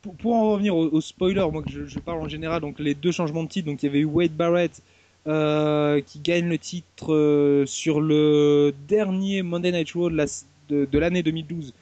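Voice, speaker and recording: A man's voice: on the high side, fairly even intonation, normal speed, warm tone, muffled recording. A man co-hosting a wrestling show in casual podcast chat, argumentative and questioning.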